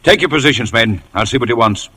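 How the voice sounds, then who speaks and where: An actor playing a stern, commanding sea captain in a 1950s radio drama, speaking in a curt, authoritative way. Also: male voice, mid-range voice, fast, sharp tone, slightly rough. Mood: alert, commanding. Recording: old radio with faint noise.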